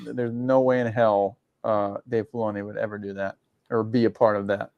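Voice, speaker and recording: A man's voice: on the low side, little pitch movement, normal speed, gravelly, no room sound, highs cut off. A man co-hosting a casual reaction chat in a laid-back way, often saying yep and laughing. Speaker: show co-host.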